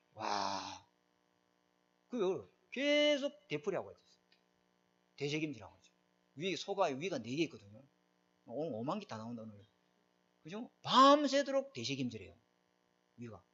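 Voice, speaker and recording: Emphatic middle-aged male pastor, slightly high voice, dull lo-fi recording. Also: fairly bright tone. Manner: emphatic, asks the congregation questions. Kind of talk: sermon.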